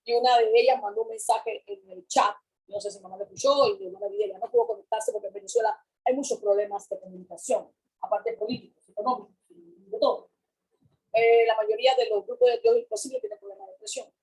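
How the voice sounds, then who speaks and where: Picture a woman preaching with a high voice. She repeats her lines with fervor and swings between loud calls and hushed words. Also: fast talker, poor audio. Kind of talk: sermon.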